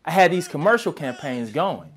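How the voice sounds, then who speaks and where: A young man, a motivational speaker, telling a personal story with animated delivery and acted-out voices. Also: fairly high pitch, moderate pace.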